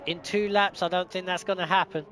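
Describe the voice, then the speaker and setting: A man co-commentating an online racing league, relaxed and analytical, his voice often trailing off quietly. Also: high-pitched, a little fast, faint music behind. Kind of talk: live race commentary. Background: racing game engine noise.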